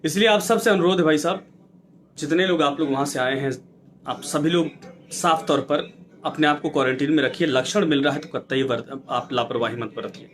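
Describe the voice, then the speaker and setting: A man with a fairly high voice delivering fervent news commentary. He lectures and pleads with viewers, pressing his points with one rhetorical question after another in a preachy, exhorting tone. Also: fairly bright tone. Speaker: news anchor.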